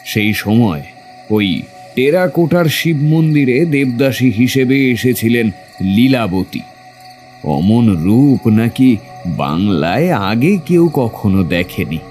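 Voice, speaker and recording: In a horror audio drama, a man plays the frightened heir of a cursed landlord family, recounting his tale in a grave, drawn-out manner. His medium-pitched voice is expressive and darkish, with faint music behind him, setting an ominous storytelling mood.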